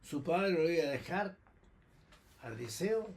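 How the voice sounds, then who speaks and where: A man's voice: fairly high pitch, animated, a little slow, slight background noise. Chilean grandfather in his seventies, storytelling. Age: 70s. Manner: recounts memories, acting out the people he quotes. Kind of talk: casual storytelling.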